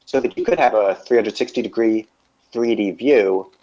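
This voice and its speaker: A man co-hosting a casual gaming podcast, talking haltingly with many fillers and restarts. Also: on the low side, mellow. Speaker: podcast co-host. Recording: dull lo-fi podcast audio.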